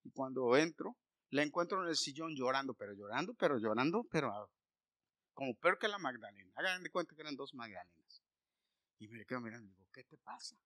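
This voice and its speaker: A man preaching a sermon, telling a personal story and then building to loud, emphatic exhortation. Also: medium pitch, lively intonation, brisk, no echo, studio quality.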